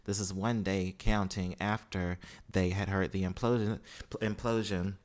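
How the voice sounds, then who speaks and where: A man hosting a podcast, reading news aloud and breaking off to comment in a relaxed, informal way. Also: low voice, measured pace. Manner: reads news passages then comments informally. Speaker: podcast host.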